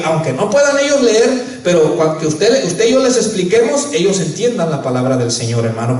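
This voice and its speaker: A man's voice: sits high, a little mellow. A man preaching a sermon as a pastor, who keeps addressing the congregation as brother. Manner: preaching, keeps calling listeners "hermano". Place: church. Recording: echoey church hall, voice from far off.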